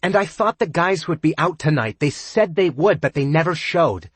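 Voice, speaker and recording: A man's voice: on the high side, very animated, takes it slowly, dry recording, voice pushed up, heavily acted. Man doing a slurring drunk woman. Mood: whiny demanding. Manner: slurred, pleading, whiny yelling. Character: drunk loud young woman partying in a bar.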